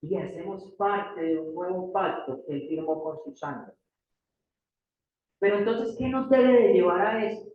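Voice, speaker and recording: Preaching in a church hall, this Paisa-accented Colombian man speaks emphatically as pastor, repeating key lines and asking the congregation rhetorical questions. His voice is high and his pace measured, and the recording sounds thin, phone-like, and echoey from a distance.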